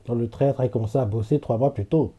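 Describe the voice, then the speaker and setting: A man's voice: medium pitch, quick pace, warm tone, husky. Chatty man reacting live to anime. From French-speaking. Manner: chatty, laughs often, many fillers.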